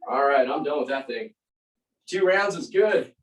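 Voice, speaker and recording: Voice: mid-range voice, animated, unhurried. An aerobics instructor leading a group workout, giving short encouraging commands and counting out repetitions. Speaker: aerobics and fitness class instructor. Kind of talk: live group workout coaching with counted reps. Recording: roomy echo, distant mic.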